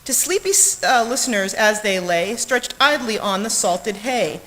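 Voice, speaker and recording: A woman from the bema team tests podium microphones during a live sound check, sometimes talking off mic or distant from it, on a hissy live stream. Her voice is medium in pitch with lively intonation, a sharp tone, and a slightly slow pace.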